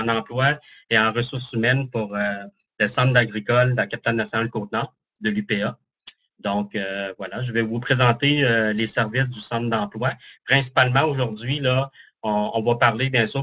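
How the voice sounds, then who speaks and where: Man, Québécois French accent, webinar presenter, bright voice, chatty with many fillers, video call. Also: medium pitch. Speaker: employment and HR counsellor presenting.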